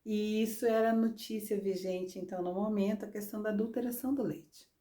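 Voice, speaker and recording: A woman's voice: medium pitch, steady tone, fairly quick, warm tone. A middle-aged woman preaching a sermon, telling a personal testimony in a conversational storytelling way with frequent tag questions. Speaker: women's ministry preacher.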